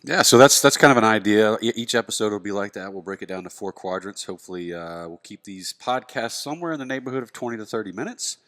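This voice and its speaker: A man's voice: lowish voice, expressive, fast talker, hardly any pauses, a bit bright. A man co-hosting a casual podcast with a stuffy nose, talking in a laid-back way with many fillers. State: stuffy nose after nose surgery. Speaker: podcast co-host.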